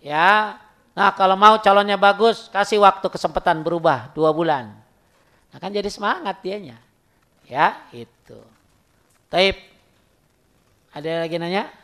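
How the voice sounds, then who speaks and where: A man's voice: high voice, a little slow, long pauses. A man giving an informal sermon, telling stories and acting out dialogues. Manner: lively storytelling, acts out dialogues. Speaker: preacher.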